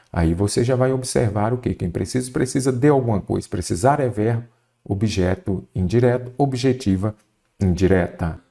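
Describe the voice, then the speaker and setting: A man's voice: mid-range voice, mellow. A man from Brazil teaching an exam-prep Portuguese grammar lesson, posing questions to students and stretching key words for emphasis.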